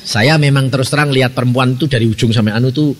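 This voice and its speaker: A middle-aged man with a Javanese accent preaching a sermon, telling stories in a lively way and often asking the congregation questions. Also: mid-range voice, fast talker, a little hiss or hum. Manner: animated storytelling, asks the congregation questions. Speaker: evangelist preacher. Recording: reverberant church hall.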